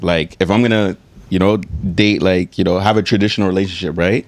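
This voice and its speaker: A man's voice: low-pitched, steady tone, brisk. A young man with a Toronto accent co-hosting a casual podcast, laid-back and slangy. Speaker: podcast co-host.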